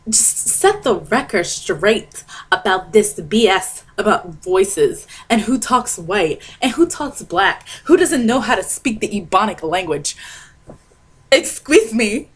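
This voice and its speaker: Her medium-pitched voice is slightly rough. She's a young adult vlogger from Maryland, USA, mocking herself in a theatrical comic rant aimed at the webcam on her desk in a cramped bedroom.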